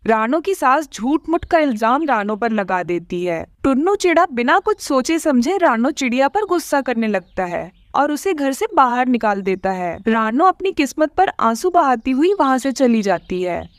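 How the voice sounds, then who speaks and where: Cartoon narrator, woman, lively high voice, dry close sound. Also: normal speed, few pauses, no echo. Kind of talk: scripted storybook narration.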